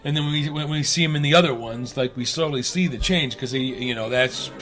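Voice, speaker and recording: Bright, excitable male co-host, casual and profane, faint music underneath. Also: on the high side, fairly quick. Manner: animated, swears, does funny voices. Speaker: radio show co-host. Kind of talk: casual chat.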